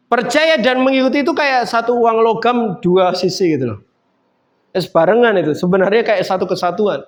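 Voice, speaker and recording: A man's voice: sits high, normal speed. A man preaching a sermon in a casual, conversational way, building up to emphatic points. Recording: dull lo-fi sound.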